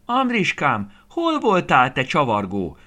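A man voicing a loving, fussy old grandmother in a children's story, calling out in a high, shrill voice. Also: very animated, fairly bright tone. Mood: fretful. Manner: high, shrill cries of worry.

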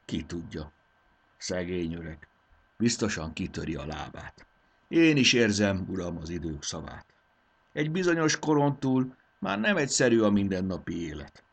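A humble, soft-spoken male servant, as a narrator puts him on, low and hushed with a husky, breathy edge. He talks deferentially, keeping his voice down. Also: very animated, exaggerated voice. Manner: quiet, deferential, subdued.

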